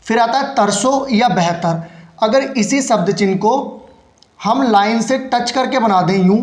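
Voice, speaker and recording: A man giving a patient step-by-step lesson in shorthand, explaining each stroke as he writes it. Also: high voice. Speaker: shorthand teacher. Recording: echoey room.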